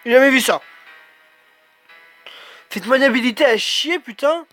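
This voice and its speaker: Swearing gamer man, excitable commentary. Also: very high voice, measured pace, soft background music. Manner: swears a lot, excited exclamations, talks to himself. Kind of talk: let's play commentary.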